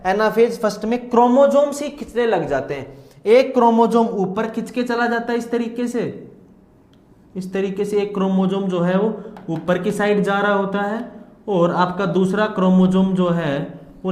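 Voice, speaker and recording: A man's voice: high voice, reverberant. A man teaching an exam-prep lesson, explaining step by step and asking and answering his own questions.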